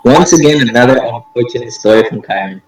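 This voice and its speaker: A man's voice: medium pitch, fast. A podcast co-host, a man, teases his friend and wraps up the episode in casual chat. He sits well back from the mic, and the room around him rings with echo. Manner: laughing, teasing, wraps up the show. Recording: very echoey, far from the mic.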